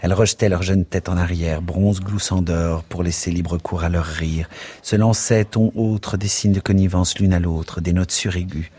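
A man narrating a literary text in an expressive, rhythmic reading that lingers over words. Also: low-pitched, moderate pace, slightly rough. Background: soft music.

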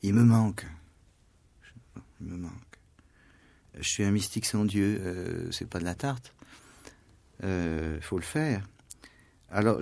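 Low-voiced guy, writer on the radio, lots of euh and restarts, trails off quiet. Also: vocal fry. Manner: hesitant, many fillers and stammered restarts; trails off to soft, near-whispered asides. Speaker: writer and translator being interviewed. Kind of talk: radio interview, musing and literary. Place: radio studio.

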